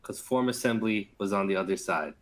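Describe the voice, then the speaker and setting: A man co-hosting a webinar speaks in a flat monotone. He hesitates often with fillers. His low voice still has a bright, sharp edge. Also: brisk. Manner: self-described monotone, hesitant with many fillers. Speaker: webinar co-presenter. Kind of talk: live webinar presentation.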